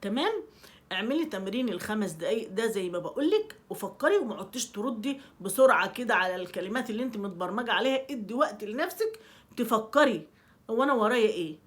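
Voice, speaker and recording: Animated Egyptian woman giving firm advice. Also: medium pitch, quick pace. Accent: Egyptian Arabic. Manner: emphatic, animated, repeats key phrases, acts out examples. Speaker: self-help video host. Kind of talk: advice talk to women viewers.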